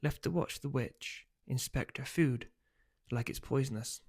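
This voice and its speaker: A man reads his own novel aloud as its author. His voice sits at a middle pitch and he keeps a steady storytelling pace. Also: unhurried, slight background noise. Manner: steady storytelling, loose and hesitant when speaking offhand.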